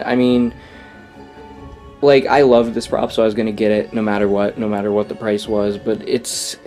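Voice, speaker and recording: A man's voice: mid-range voice, a little mellow. A young man casually reviewing a Halloween prop in his bedroom, enthusiastic and rambling, correcting himself as he goes.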